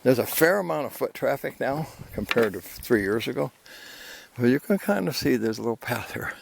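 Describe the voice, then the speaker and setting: An older man vlogs while hiking a canyon trail, talking casually and a bit out of breath as he rambles easily with fillers into his handheld camera. His mid-range voice is expressive and has vocal fry, at a normal speed. The camera picks up loud outdoor noise as he walks.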